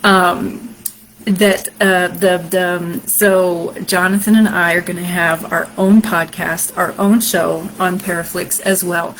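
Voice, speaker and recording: A woman host and storyteller with a deep, sultry voice, chatting casually on a live stream in a rambling way. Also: flat delivery, slow pace, fairly bright tone, poor audio. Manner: chatty and rambling, many fillers.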